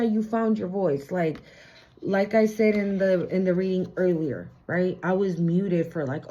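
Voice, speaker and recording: A woman's voice: on the low side, warm tone. Sassy, profane woman tarot reader. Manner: chatty, blunt, profane, sassy. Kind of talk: casual spiritual tarot reading. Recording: slightly muffled lo-fi recording.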